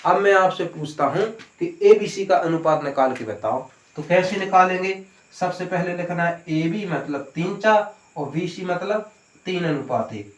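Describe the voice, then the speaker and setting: A man's voice: sits high, a little slow. A man teaching an exam-prep maths lesson, explaining step by step and asking questions before answering them himself. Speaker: maths tutor. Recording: echoey room.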